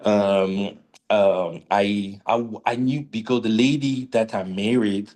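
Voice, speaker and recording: A man's voice: lowish voice, slow pace, a little mellow. A man from Cameroon telling his story as a guest in an interview over a video call, hesitant and plain-spoken. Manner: hesitant, simple phrasing with fillers.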